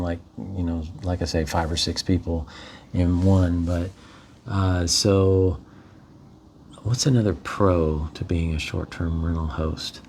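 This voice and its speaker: Mellow-voiced man giving casual host tips. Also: low-pitched, a little hiss or hum. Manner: easygoing, explanatory. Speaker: short-term rental host. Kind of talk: casual advice chat.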